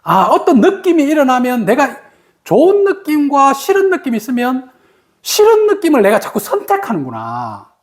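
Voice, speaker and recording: A woman's voice: high-pitched, huge pitch swings, normal speed. A woman giving a meditation talk, explaining patiently with everyday examples and asking the listeners rhetorical questions. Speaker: meditation teacher. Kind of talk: spoken meditation teaching.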